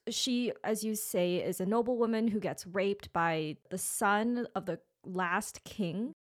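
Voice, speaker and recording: A woman hosts an interview with mid-pitched, steady, thoughtful questions. She sets up each point calmly before turning it back to her guest. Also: slow pace. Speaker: podcast host.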